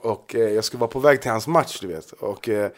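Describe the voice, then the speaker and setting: A man of Chilean family telling a long story in casual chat, acting out other people's lines with lots of fillers. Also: fairly low pitch. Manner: animated, acts out others' lines, many fillers.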